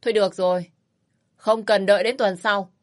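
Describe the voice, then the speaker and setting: A woman's voice: fairly high pitch, animated, normal speed, pitched above the performer's own voice. A woman voicing an angry, domineering old father-in-law who scolds harshly in a raised voice. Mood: furious scolding.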